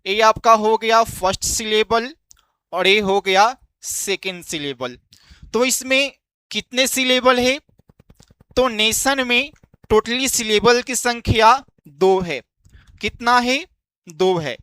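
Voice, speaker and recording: A man's voice: sits high, slow pace, pauses often, sharp tone, smooth, dry recording. A man teaching an exam-prep lesson, explaining step by step and asking quiz-style questions that he then answers himself.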